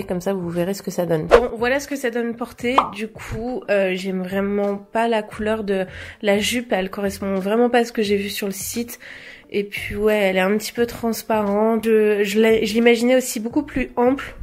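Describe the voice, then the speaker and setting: A woman's voice: medium pitch, steady tone, moderate pace, a little mellow. A French woman talking casually through a clothing try-on haul, hesitating often and restarting her sentences. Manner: hesitant, many fillers and restarts. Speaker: fashion vlogger.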